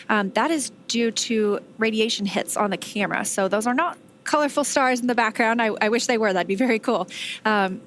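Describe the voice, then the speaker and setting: A woman's voice: on the high side, a little hiss or hum. A woman giving conversational, explanatory live commentary as a space mission broadcast host.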